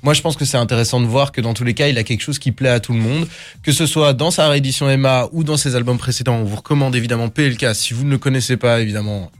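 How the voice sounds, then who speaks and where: A man's voice: mid-range voice, steady tone, fast talker. A young man, hosting a rap news podcast with playful, teasing banter and frequent laughter. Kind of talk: lively hosted podcast banter.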